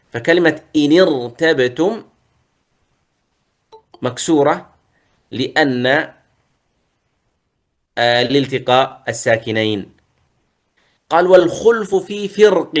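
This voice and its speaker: A man teaching a tajweed lesson, reciting verses slowly, then explaining and modelling pronunciations. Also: medium pitch.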